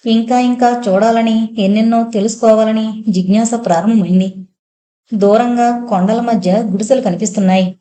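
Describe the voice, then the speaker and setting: Mellow woman reading a novel aloud. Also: fairly high pitch, steady tone, moderate pace. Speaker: audiobook narrator. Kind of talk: scripted novel narration.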